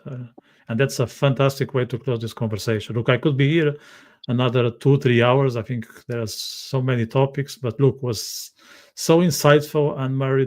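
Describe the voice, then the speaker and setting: A man hosting a casual interview, talking in a halting way and often repeating his phrases. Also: mid-range voice, a little mellow. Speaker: podcast host.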